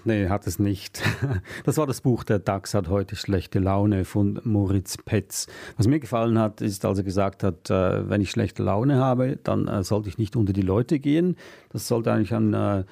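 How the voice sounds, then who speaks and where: A man co-hosting a casual book review chat, dry and joking with hesitant pauses. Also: fairly low pitch, vocal fry, warm tone.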